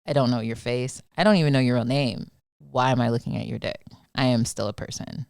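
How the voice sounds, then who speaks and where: A woman's voice: a bass voice, a little fast, darkish tone, no echo, clean studio sound. A woman from Detroit, a podcast guest, reading a spoken word poem in a defiant, rhythmic delivery. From Detroit, USA.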